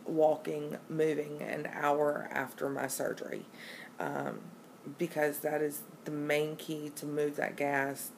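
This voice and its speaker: A woman giving a casual, halting personal account, gassy while recovering a day after surgery. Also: low voice, a little mellow. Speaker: patient vlogger. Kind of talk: casual personal vlog, recounting an experience. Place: hotel room. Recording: noticeable background room noise.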